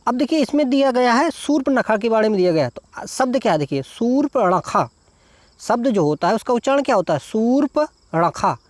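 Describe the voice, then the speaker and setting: A male teacher leads an exam-prep lesson, explaining each answer step by step, spelling words out syllable by syllable and repeating "देखिए" and "ठीक है". His voice is very high-pitched with lively intonation, fairly quick, with no echo.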